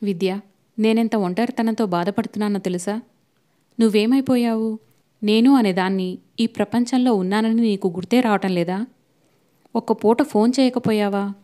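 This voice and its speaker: A lonely, heartbroken young woman pleading in tearful questions, voiced by a woman reading an audiobook. Her tone is mellow and dark, low-key and soft. It is a storybook reading, not a full performance. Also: natural voice.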